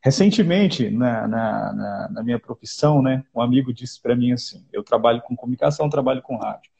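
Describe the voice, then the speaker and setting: A Brazilian man hosts a casual podcast chat in a dark, gravelly voice. He talks emphatically, stumbling and repeating words as he urges listeners on. The sound is dull and lo-fi. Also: medium pitch, brisk. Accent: Brazilian Portuguese. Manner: emphatic, repeats words, preachy pep talk. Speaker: podcast host.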